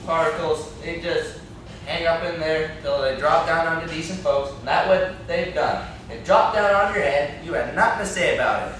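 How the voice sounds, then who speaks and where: This young man, lightly acted and a bit bright in tone, speaks with a slightly high voice at a moderate pace. He plays an indignant, blustering country captive in an amateur stage play, angry and scolding, with folksy complaints and threats. A far camera mic records him indoors in an echoey, classroom-like room with faint noise.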